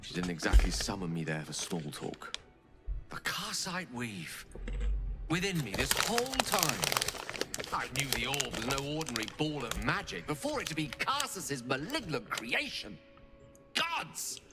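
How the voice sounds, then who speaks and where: A man's voice: mid-range voice, very animated, a little slow, loud music behind the voice. A man playing an eloquent, earnest wizard in a video game, speaking in formal, theatrical phrases. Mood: drained, awed. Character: eloquent, earnest male wizard, self-reproachful yet hopeful. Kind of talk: scripted video game dialogue.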